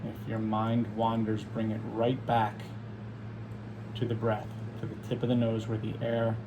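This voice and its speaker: Man, meditation teacher, soothing guided instruction, even-keeled narrow intonation, creaky voice, unhurried pauses. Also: fairly low pitch, background noise.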